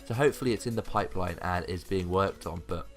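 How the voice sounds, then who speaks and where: Male gaming YouTuber, low register, hopeful and keen countdown-list narration over a music bed. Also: quick pace. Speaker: gaming video creator. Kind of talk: top five countdown list commentary. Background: background music.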